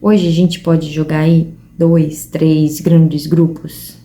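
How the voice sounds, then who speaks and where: Mellow-voiced Brazilian woman vlogging. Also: low voice, flat delivery, takes it slowly. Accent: Brazilian Portuguese. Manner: earnest, conversational, addresses viewers directly. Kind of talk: casual reflective talk to camera. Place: at home, seated at a table.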